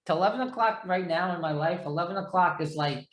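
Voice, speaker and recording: A man from the New York or New Jersey area hosts a casual interview with a matching accent, chatty and rambling and often poking fun at himself. His voice is high-pitched, fast, and fairly bright, with an echoey room sound.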